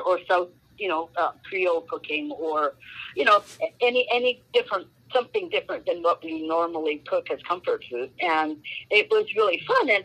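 Heard on a rough recording, a woman from Canada with a lowish, slightly bright voice chats as a guest author in an informal interview. She meanders a lot, leaning on fillers like um and you know.

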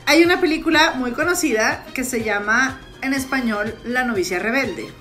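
A woman with a Mexican accent co-hosting a casual comedy chat, animated, slangy and mock-outraged. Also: high voice, moderate pace, faint music behind. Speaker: podcast co-host.

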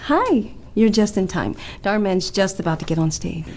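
A woman's voice: medium pitch, expressive, normal speed, noisy background, natural voice. An actress playing a polite, businesslike woman ushering guests at an event. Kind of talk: scripted skit acting.

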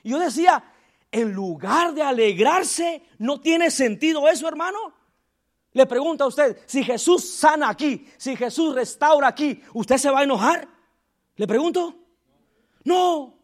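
A man preaching a lively church sermon as pastor. He calls on the congregation to repeat his words and chuckles often as he jokes with them. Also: extremely high pitch, a little slow. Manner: calls on the congregation to repeat after him and respond. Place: church service.

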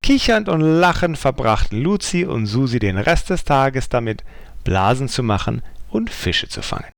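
A man reads a children's story aloud in a gentle, animated way, with wide melody. The recording is dry and close. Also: mid-range voice, normal speed, gravelly, no room sound.

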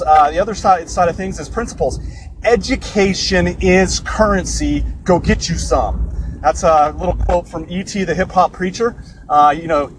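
A man's voice: fairly high pitch, noisy background. A man, a bit out of breath, giving an informal livestream lesson as a course instructor, explaining casually and correcting himself as he goes.

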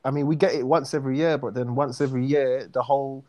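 A man's voice: medium pitch, steady tone, fast talker, darkish tone, dry recording. A man with a South London accent chatting casually in a laid-back, slangy way, dropping in bro and man. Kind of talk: casual chat.

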